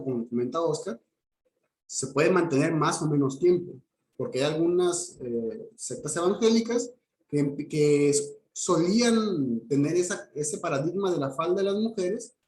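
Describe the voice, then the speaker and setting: On the high side and darkish in tone, a man's voice leads a class lecture, walking through the material step by step with frequent "¿ok?" check-ins and restarts. He is a teacher, and the recording is roomy with slight background noise.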